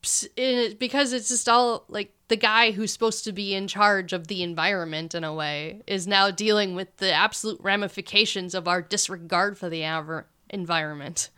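A woman's voice: mid-range voice, fairly even intonation, moderate pace, few pauses, pushed and bright, clear, resonant tone. A woman joining a casual film discussion as a guest, enthusiastic, trailing off mid-word. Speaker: podcast guest.

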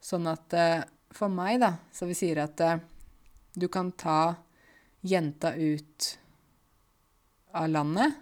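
Low-voiced woman explaining carefully. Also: fairly even intonation. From rural Norway. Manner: slow, careful and clear, with filler sounds. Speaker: language teacher and podcaster. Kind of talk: explaining for language learners.

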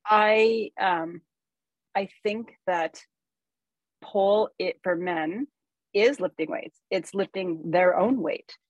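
Low-voiced woman, halting casual talk. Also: no room sound, highs cut off. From Canada. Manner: halting, many restarts and fillers. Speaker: guest, pole athlete. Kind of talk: casual podcast chat.

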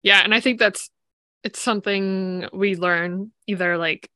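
A woman with a bright, forward voice hosts a casual chat. She builds her thoughts in short halting pieces, with frequent filler "like". The sound is close and dry. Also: medium pitch, fairly even intonation, dry recording. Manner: peppers speech with "like", halting phrasing. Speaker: interview host. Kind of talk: casual conversational interview.

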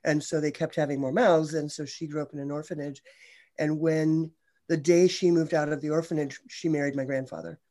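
A woman's voice: low voice, fairly even intonation, a little fast, dark tone. A woman social worker, a podcast guest, talking frankly and joking in casual conversation. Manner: frank, joking, self-correcting.

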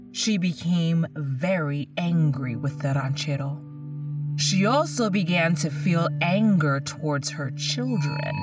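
Female horror host, lowish voice, dramatic suspenseful storytelling, a bit off-mic. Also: distant mic. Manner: theatrical, drawn-out suspenseful phrasing. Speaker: host of a spooky storytelling show. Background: music.

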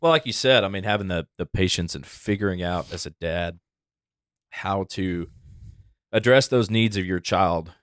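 A man's voice: low voice, moderate pace, smooth, no echo, clean studio sound. A man co-hosting a casual podcast chat, reflective and earnest, often checking in with "right?".

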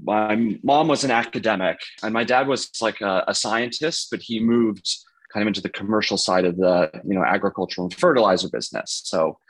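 A man's voice: lowish voice, brisk, low-quality recording. A man in his thirties, a podcast guest, answering casually and hesitantly, full of "you know" and "like". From United States.

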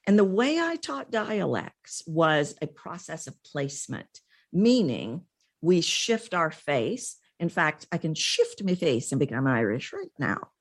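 As an interview guest, a middle-aged woman from Texas, United States, recounts her story in a deep voice. Her telling is expressive and emphatic, punctuated by dramatic pauses.

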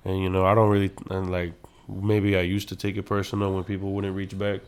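Gravelly, low Southern California man. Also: monotone, a little fast. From Santa Ana and Anaheim, California. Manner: slangy, laid-back phrasing. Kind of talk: casual group chat.

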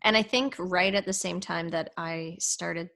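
A woman's voice: fairly low pitch, steady tone, a little slow, creaky, fairly bright tone. A woman hosting a podcast interview, talking in a chatty, encouraging way and laughing often. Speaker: podcast host.

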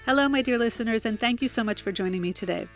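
With soft music in the background, a New Jersey woman in her forties talks fast in a voice on the high side. She's an American hosting a self-help podcast from her childhood bedroom, earnest, confiding and chatty.

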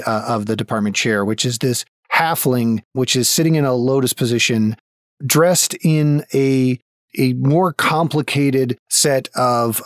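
A man's voice: mid-range voice, dry recording, clean studio sound. A man running a tabletop game as game master, narrating in descriptive, improvised phrases.

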